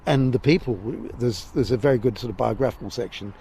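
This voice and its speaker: A man's voice: medium pitch, quick pace, gravelly. A man from Essex with a southern English accent, giving discursive, stop-start interview answers as a walking guide, recorded outdoors. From Essex, England. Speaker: walking guide and festival guest. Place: outdoors near a creek by the estuary. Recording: steady background noise, outdoors.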